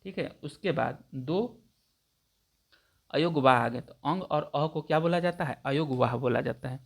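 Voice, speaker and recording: Gravelly-voiced grammar teacher, step by step. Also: male voice, mid-range voice, measured pace. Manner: explains step by step, repeats definitions, checks understanding. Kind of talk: exam-prep grammar lesson.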